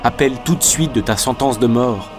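A man's voice: medium pitch, moderate pace, over music, lightly acted. A man voicing a tearful, devoted noblewoman torn between faith and love in an audiobook, pleading with emotion.

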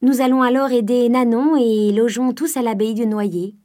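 A woman's voice: a little high, fairly even intonation, normal speed, mellow, pitched above the performer's own voice, lightly acted. A woman reading the part of a shy, tender young provincial girl who talks in an earnest, eager way.

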